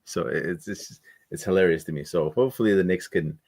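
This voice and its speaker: A man's voice: low voice, brisk, darkish tone. A man co-hosting a casual sports talk stream, thinking aloud with many hedges and restarts. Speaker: podcast co-host.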